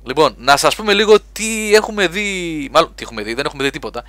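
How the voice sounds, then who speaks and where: A man hosting a live gaming webcast, chatting lively and reading listener questions aloud. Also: fairly high pitch, dry recording. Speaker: podcast host.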